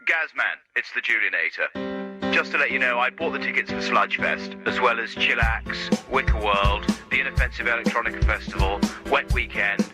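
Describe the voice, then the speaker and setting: A man's voice: mid-range voice, lively intonation, moderate pace, pitched above the performer's own voice, lightly acted. A man putting on a chummy festival bloke leaving a voicemail. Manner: chummy slangy nicknames, half sung. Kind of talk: comedy song sketch. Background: backing music.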